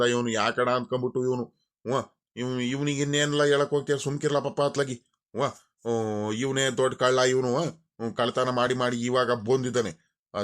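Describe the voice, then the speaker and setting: A medium-pitched man, lightly acted, does cartoon voice acting as a scolding village father. The character is an angry, worried, middle-aged landowner who grumbles and repeats himself.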